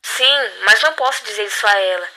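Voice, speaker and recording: Uma mulher dando seu testemunho pessoal numa entrevista, contando com seriedade as dificuldades que viveu. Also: female voice, fairly high pitch, brisk, sharp tone, low-quality recording. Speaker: guest. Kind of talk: personal testimony in interview.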